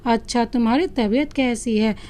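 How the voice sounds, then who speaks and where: Lady reading the part of a cheeky loving young husband, teasing, fairly high voice, storybook. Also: normal speed, mellow, close to an everyday voice. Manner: teasing, affectionate.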